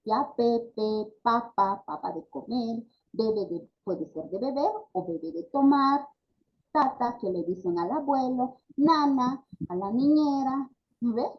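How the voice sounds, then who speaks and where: A woman's voice: a little high, takes it slowly, highs cut off. A woman with a Bolivian Spanish accent giving a speech therapy class, talking conversationally with many fillers and tag questions. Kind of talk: online class lecture.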